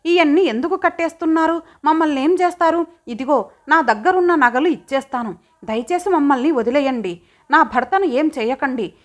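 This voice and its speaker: A woman's voice: high-pitched, normal speed, close to an everyday voice. A woman voicing a frightened young wife in an audio story, pleading tearfully.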